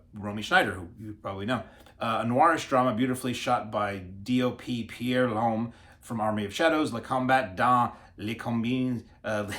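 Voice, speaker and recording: Male unboxing host, mid-pitched and conversational, self-mocking with foreign names, home desk setup. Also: a bit bright. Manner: chatty, self-deprecating, stumbles over foreign names. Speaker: video host reviewing disc releases. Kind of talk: casual unboxing commentary.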